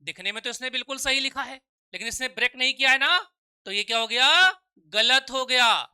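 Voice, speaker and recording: A man teaching a live online exam-prep class. He keeps asking "okay?" to check that his students follow, calls them "children," and drills sounds slowly one at a time. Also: very high-pitched, expressive, sharp tone, clean tone, dry recording, studio quality. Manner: calls students 'children' and 'dear'.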